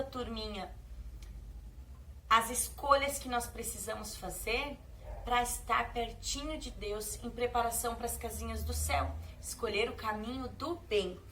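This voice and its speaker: Brazilian lady teaching little kids, slow and sing-songy, kinda high voice, mic a bit far off with faint hiss. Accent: Brazilian Portuguese. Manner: slow, warm-hearted teacher talk to small children, drawing out words. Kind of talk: children's lesson.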